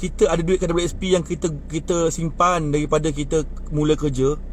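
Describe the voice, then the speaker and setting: The audio is poor with slight background noise as a brisk young man, twentysomething and Malaysian Malay-accented, airs political grievances to people around him at a bus stop. Sleep-deprived yet animated and indignant, he climbs in pitch when agitated.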